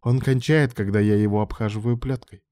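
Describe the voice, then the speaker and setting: A man reading aloud and voicing a scheming woman madam in an audiobook, with a coaxing manner that turns to shrill exclamations. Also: steady tone, brisk, mellow, no echo, clean studio sound, close to an everyday voice. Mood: confiding. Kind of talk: audiobook dialogue.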